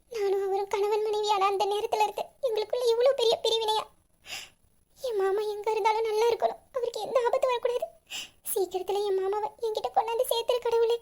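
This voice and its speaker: Very high-voiced tearful young wife voiced by a woman. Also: warm tone. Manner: tearful, pleading, anxious. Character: young devoted wife longing for absent husband. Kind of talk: emotional audio drama acting.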